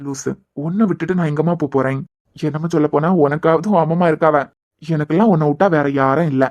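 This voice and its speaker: A man's voice: fairly high pitch, quick pace, darkish tone, muffled recording, lightly acted. A man with a Kanyakumari Tamil accent voicing an affectionate young husband in a cartoon web series, teasing and reassuring.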